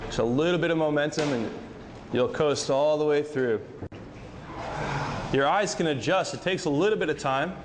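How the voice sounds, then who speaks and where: A man guiding visitors through a sea cave, giving calm, matter-of-fact instructions, his voice echoing off the cave walls. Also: fairly high pitch, normal speed, long pauses. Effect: cave echo. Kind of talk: casual on-location explanation. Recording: echoey sea cave with faint noise.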